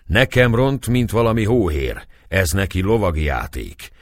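A man reading aloud and voicing a gruff, hearty middle-aged castle lord who speaks in a raised, booming voice. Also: sing-song, dry recording, studio quality. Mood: blustering.

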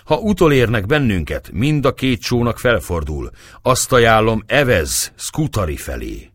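A man voicing a calm, commanding male captain who gives firm orders in an audiobook. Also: fairly low pitch, no echo, studio quality, pitched above the performer's own voice.

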